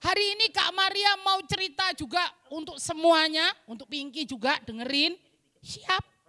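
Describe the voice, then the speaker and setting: A woman's voice: very high-pitched, moderate pace, pushed and bright. A woman teaching Sunday school, telling a story to children in a playful, coaxing way.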